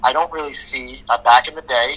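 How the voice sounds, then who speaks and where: A man's voice: medium pitch, steady tone, fairly quick, sharp tone, breathy edge, low-quality recording. A man, a longtime motocross racer, talking bluntly and with many restarts in a casual podcast chat.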